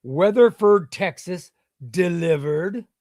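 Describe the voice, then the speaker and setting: Hosting a laid-back livestream, a man who sells comic books reads out viewer comments, rambling offhandedly and swearing now and then. He is from Illinois and grew up speaking Spanish first, and his high voice is animated, a little mellow, and slow-paced. The audio is clean studio sound with no echo.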